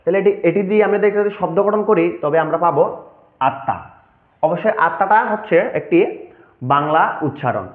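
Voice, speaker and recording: A high-voiced man gives a formal lesson, explaining each point slowly and with care. His voice comes through a tinny, phone-like channel and bounces around a roomy, echoey space. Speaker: Sanskrit pronunciation teacher. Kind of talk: online lesson.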